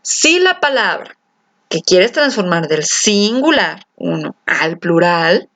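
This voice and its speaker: A woman teaching an English grammar lesson, lively and coaxing, asking her students questions and stretching out key words. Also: fairly low pitch, slow. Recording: slightly dull lo-fi sound.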